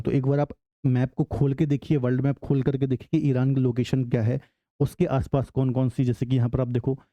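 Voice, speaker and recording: A man's voice: medium pitch, dark tone, no echo. A male teacher giving an exam-prep geography lecture, often asking the class a question and then answering it himself.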